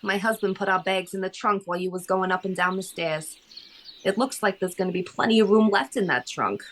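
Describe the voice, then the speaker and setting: A woman's voice: mid-range voice, brisk, a bit bright, slight background noise, natural voice. A woman playing a sassy, tough-talking dame in a comedic audio play. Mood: brassy.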